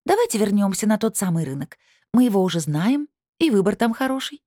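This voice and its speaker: A woman's voice: mid-range voice, sing-song, fairly quick, warm tone, no echo, studio quality, voice pushed up. A woman voicing an eager, fussy older woman keen on shopping, in an audiobook. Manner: eager, agreeable.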